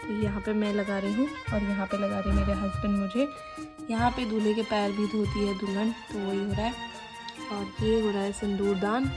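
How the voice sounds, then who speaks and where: A woman's voice: mid-range voice, little pitch movement, moderate pace. A young woman from Uttarakhand, India, rambling casually and laughing a little as she narrates her wedding photos in a vlog voice-over. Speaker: vlogger. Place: voice-over, not recorded at the pictured wedding. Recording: voice with clear background music.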